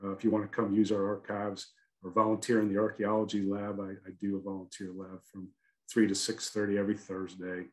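A man from the northern United States speaks over a video call in a fairly low voice. He lectures and takes questions in a friendly, conversational way, full of small fillers. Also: monotone, brisk, poor audio. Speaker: guest lecturer, archaeologist.

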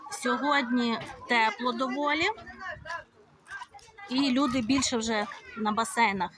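Speaking unhurriedly in a slightly high voice with fairly even intonation, a Ukrainian vlogger chats, fillers and all, while walking resort streets outdoors and filming on a handheld phone. Background noise is noticeable.

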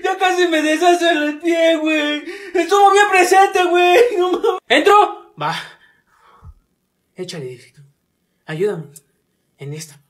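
A man with a Mexican Spanish accent performing excitable, slangy comic skits full of swearing. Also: very high-pitched, unhurried. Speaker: comedy sketch performer.

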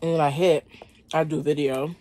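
A woman's voice: low-pitched, fairly even intonation, a little fast, dark tone. A woman in her thirties chatting casually to viewers as a vlogger, chewing and eating while she talks and often saying "like". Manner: conversational, frequent "like" as a verbal habit. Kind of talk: casual mukbang chat to viewers. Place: small indoor bedroom.

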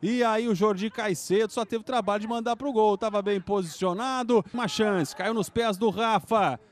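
Brazilian guy calling a soccer game, super high voice, excited, stretches out his shouted calls. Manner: exclamatory, with drawn-out shouted calls. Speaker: football play-by-play commentator. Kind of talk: excited live match commentary.

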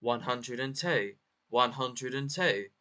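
Man with a bright sharp voice sounding out numbers syllable by syllable, real slow. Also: medium pitch. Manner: breaks words into syllables, then repeats them. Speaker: pronunciation narrator. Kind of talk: slow word-by-word pronunciation drill.

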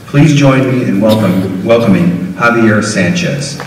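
A middle-aged man reads a formal welcome from a podium in a measured way. His voice sits in a mid range. The sound carries long reverb from a big hall and is picked up from a distance. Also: on the low side, lively intonation, heavy background noise. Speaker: school district official introducing the speaker. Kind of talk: formal prepared speech. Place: large auditorium stage. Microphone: podium microphone heard from afar. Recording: echoey hall recorded from far off.

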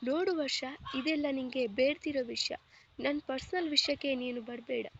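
A woman's voice: sits high, steady tone, moderate pace, muffled recording, a little hiss or hum, lightly acted. A woman voicing an arrogant, sarcastic young husband in a storybook reading, curt and mocking.

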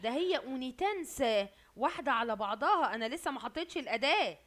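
A woman's voice: sits high, lively intonation, fast, a bit bright. A woman with an Egyptian Arabic accent teaching an Italian class over a video call, quizzing her students and repeating each word. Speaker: university Italian lecturer. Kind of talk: online lecture.

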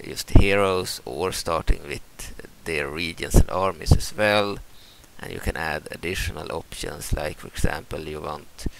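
With a gravelly bass voice, a young Swedish gaming channel host guides viewers through a game mod. He has a Swedish accent and speaks casually and hesitantly, stumbling through fillers and restarts. Background noise is audible.

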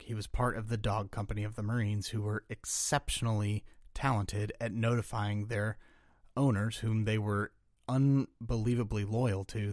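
A man's voice: lowish voice, darkish tone, no echo, clean studio sound. A man hosting a history podcast, telling war accounts earnestly, tripping now and then over names and restarting phrases.

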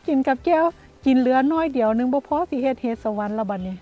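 A woman's voice: high-pitched, fast, lo-fi sound, faint music behind. A woman with an Isan accent, chatting casually to her viewers as she vlogs outdoors in the countryside. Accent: Isan (Northeastern Thai). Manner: chatty, addresses viewers as "brothers and sisters". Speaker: vlogger.

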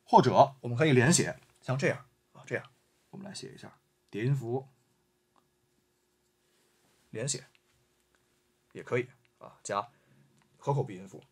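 A man's voice: medium pitch, lively intonation, normal speed, long pauses, a little mellow, slightly rough. A man teaching an online language lesson, patiently repeating example words and adding frequent filler sounds.

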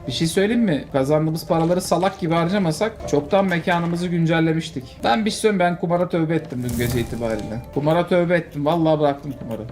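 A man with a voice sitting a little high for a man talks through a game in a loose, casual way. He jokes, exclaims and swears freely as things go wrong, with faint music playing under him. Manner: excitable, joking, quick to exclaim and swear. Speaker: streamer. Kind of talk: casual gameplay commentary.

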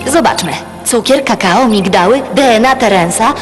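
A woman's voice: fairly high pitch, moderate pace, long reverb tail, natural voice. A woman voicing a clever, composed young female agent in a cartoon dub. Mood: focused. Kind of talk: animated cartoon dub acting. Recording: clear music bed under voice.

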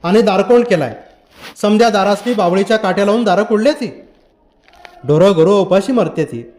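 A man's voice: high voice, normal speed, a little mellow, close to an everyday voice. A man doing a frantic rustic messenger. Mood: urgent, upset. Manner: rustic village dialect, urgent. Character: distressed village messenger man, rustic speech.

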